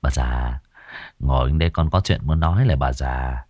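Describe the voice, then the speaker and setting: A man voicing a brutish young gambler son, low and menacing as he wheedles and threatens his mother. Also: normal speed, darkish tone, no room sound, clean studio sound. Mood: wheedling. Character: brutish grown son, gambler, violent bully.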